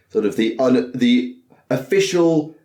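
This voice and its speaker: Lively, rambling podcast guy. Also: medium pitch. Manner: rambling, self-deprecating, swears casually. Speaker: podcast panelist. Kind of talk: casual chat.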